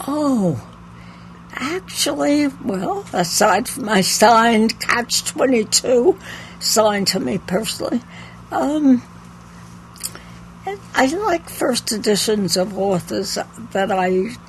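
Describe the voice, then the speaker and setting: A woman's voice: on the high side, animated, takes it slowly, a little hiss or hum, rough recording. An older woman who owns a bookshop, chatting in an interview and telling anecdotes with a laugh. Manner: chatty, anecdotal, laughs at her own stories. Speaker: bookshop owner. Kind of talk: casual interview storytelling.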